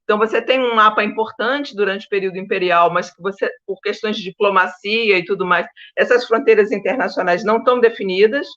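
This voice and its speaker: A Brazilian historian of science talks informally as a panel guest, her mid-range, fairly bright voice moving at a quick pace with few pauses. She is emphatic and digressive, often checking that listeners are following along. The recording sounds muffled.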